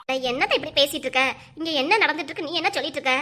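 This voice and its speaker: A woman's voice: high voice, lively intonation, rapid-fire, heavy background noise. A woman with southern Tamil village speech who voices a whole cartoon family, chatty, coaxing and scolding. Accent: southern Tamil Nadu village speech. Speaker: cartoon voice artist. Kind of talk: voicing many family members in a cartoon.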